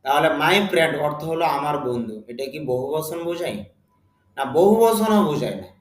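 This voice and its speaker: A man with a Bengali accent teaching a spoken English lesson, speaking slowly and deliberately and repeating words for his students. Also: fairly high pitch, lively intonation, echoey room.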